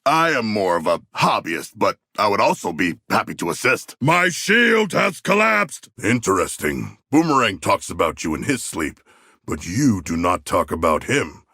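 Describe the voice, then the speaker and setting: An actor playing a hulking, proud and bloodthirsty shark warrior for a video game, speaking in polite, pompous, stilted formal sentences with a gravelly voice. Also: male voice, fairly low pitch, sing-song, moderate pace, bright, forceful tone, no echo, clean studio sound, heavily acted. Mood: battle fervor. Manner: formal, stilted, grandiloquent diction.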